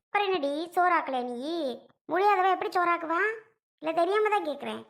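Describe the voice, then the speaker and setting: Woman playing an angry, protective mother, high and gravelly, skit role. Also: lively intonation, a bit bright, exaggerated voice. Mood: scolding. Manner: confrontational, quick retorts. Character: indignant middle-aged mother defending her daughter. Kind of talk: family comedy skit.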